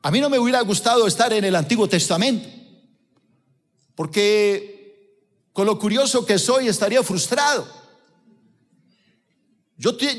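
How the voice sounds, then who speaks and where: A male pastor delivers a sermon in an emphatic style and often stops to put questions to his congregation. His voice sits high. Long reverb from a church auditorium rings behind every line.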